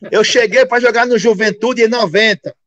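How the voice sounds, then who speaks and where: A former football player telling a funny anecdote loudly, acting out the voices in it. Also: male voice, very high voice, fairly even intonation, normal speed, no room sound. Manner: loud, acts out dialogue, shouting quotes. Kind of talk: lively anecdote on a call. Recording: dry dull lo-fi call audio.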